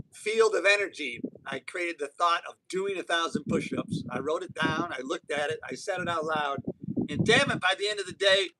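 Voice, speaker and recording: This is a casual live-stream monologue from a man in his sixties whose voice is on the high side, with heavy background noise. Streaming outdoors on an island via phone or camera, he rambles motivationally and keeps restarting.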